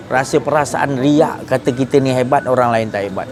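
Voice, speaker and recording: A man giving an informal religious lecture, animated, moving between hushed and emphatic. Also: medium pitch, brisk, a crowd in the background. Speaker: religious teacher. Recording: outdoor traffic noise behind.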